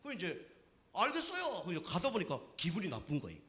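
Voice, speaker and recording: A man's voice: a little high, big pitch swings, fast talker. A man preaching a sermon on evangelism as pastor, telling stories with emphatic repetition, in a church sanctuary. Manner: storytelling with acted quotes, emphatic repetition. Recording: long hall reverb.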